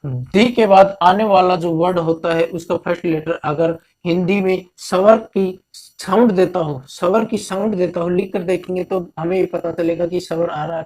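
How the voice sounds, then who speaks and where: A man from India teaching a grammar lesson, repeating each point slowly and mixing English terms into his Hindi. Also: high-pitched, a little mellow.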